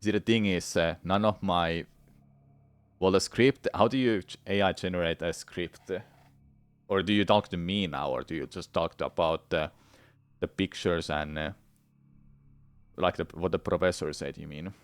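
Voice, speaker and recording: Casually talking to his audience while playing a game, a Finnish man with a Finnish accent rambles, speaks bluntly, curses freely and keeps restarting his sentences. His low voice is clear and resonant, at normal speed with frequent pauses, and there's no room sound.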